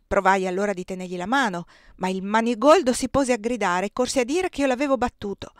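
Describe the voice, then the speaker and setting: A woman's voice: medium pitch, a little fast, dry recording, close to an everyday voice. A woman reading the part of an enslaved young husband who speaks grimly and bitterly about his master, in a dry, close audiobook recording. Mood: bitter, indignant.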